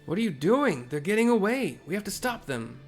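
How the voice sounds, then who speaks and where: A man voicing an excitable game character with urgent, dramatic, pleading delivery. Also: a little fast, faint music behind. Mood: alarmed. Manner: urgent, dramatic, high-pitched. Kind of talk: game dialogue read aloud.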